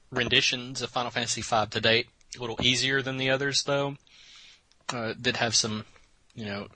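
A man hosting a casual podcast, talking in a relaxed, rambling way with fillers. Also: mid-range voice, no room sound, rough recording. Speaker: podcast host.

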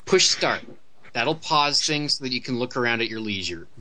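Bright-voiced, wry man chatting. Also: mid-range voice, animated, moderate pace, slight background noise, poor audio. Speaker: panelist on a video game discussion. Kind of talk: casual chat.

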